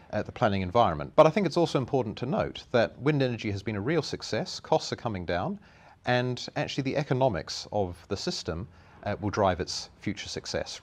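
A man in his thirties with a fairly low voice and very varied intonation. He sounds like an Oxford academic, explaining in measured, articulate sentences to camera on a lapel mic. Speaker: academic engineering professor. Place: small office or meeting room indoors. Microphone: clip-on lapel mic.

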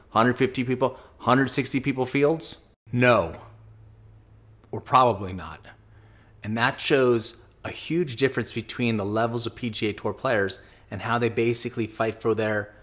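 A man in his forties hosting an opinionated commentary vlog from a small home office, talking close into a boom mic in a sarcastic, argumentative way. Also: fairly bright tone. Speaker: host. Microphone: studio mic on boom, close.

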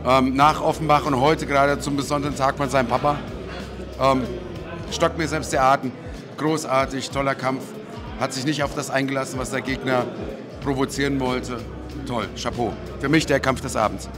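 A man's voice: medium pitch, fairly even intonation, moderate pace. A middle-aged man giving casual interview answers into a handheld microphone at an event. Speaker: ring announcer interviewed. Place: indoor boxing hall, at a sponsor wall. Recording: music behind the voice. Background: music.

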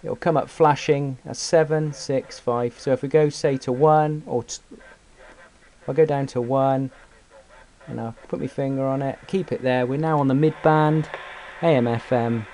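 Here a man casually reviews and demonstrates a product as a hobbyist, his mellow, medium-pitched voice fairly even in intonation and normal in speed. He comes across as hesitant, informal and unscripted. The indoor camera-mic recording is amateur, hissy and noisy.

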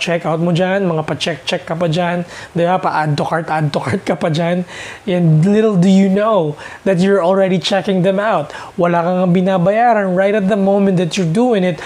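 A man's voice: sits high, a little mellow. A man in his thirties with a Filipino accent, talking earnestly to the camera as a personal finance vlogger and often checking in with "okay?". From Philippines. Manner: gestures with his hands while talking. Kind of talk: talking to camera, mixing English and Tagalog. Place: small indoor room, seated in front of a couch.

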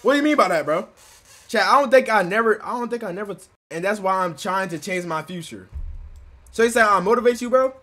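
A young man with a high, light voice, chatting loosely with his stream audience from a small bedroom. He reacts loud and joking, calling out to chat between laughs. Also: lively intonation, brisk. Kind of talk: casual live-stream commentary.

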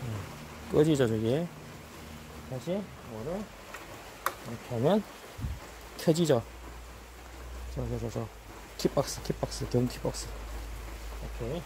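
A middle-aged man explains how to repair a farm machine while working outdoors on a gravel farmyard, bluntly and colloquially, drifting into complaints. His medium-pitched, animated voice moves slowly with frequent pauses, over outdoor ambient noise.

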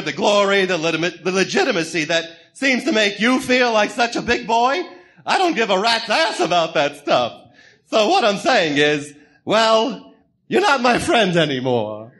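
A man's voice: high voice, very animated, measured pace, a bit bright, heavily acted. A man playing a manic, sadistic clown supervillain in a comic-book radio drama, taunting theatrically with a cackling, sing-song menace. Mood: gleeful menace. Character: manic, gleefully sadistic male clown supervillain, mocking gangster.

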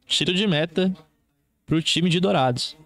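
A man's voice: high-pitched, measured pace, fairly bright tone, dry recording. A man with a Brazilian accent doing live football play-by-play as a commentator, in short clipped running phrases.

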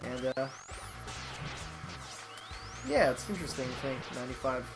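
A man's voice: medium pitch, expressive, moderate pace. A man playing through a game while chatting and reminiscing, cursing at his own mistakes. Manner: rambling, reminiscing, curses at mistakes. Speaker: let's play co-host, player. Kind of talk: casual gaming commentary. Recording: music playing behind.

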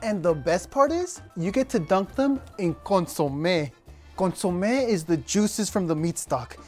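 Lively young man gushing about food. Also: high-pitched, measured pace, faint music behind. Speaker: sketch comedy actor. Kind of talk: comedic sketch explaining a dish.

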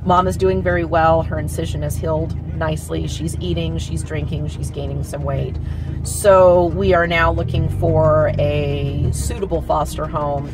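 A woman's voice: low voice, steady tone, measured pace, music in the background, rough recording. A woman in her forties giving a casual, rambling vlog update from inside her car, filmed on a dashboard phone. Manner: chatty, rambling, frequent "uh" fillers and restarts. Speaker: kitten rescuer and vlogger. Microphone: phone camera mounted on the dashboard.

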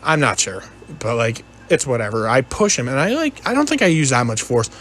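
With huge pitch swings, a medium-pitched, fairly bright man speaks briskly over slight background noise. Narrating for a gaming video, he rambles through a personal story, hesitating, repeating himself, and quoting what people said.

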